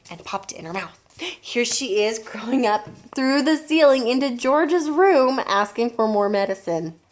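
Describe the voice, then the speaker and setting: A woman's voice: a little high, animated, unhurried. A woman teacher reading a children's book aloud to her class and pointing out the pictures.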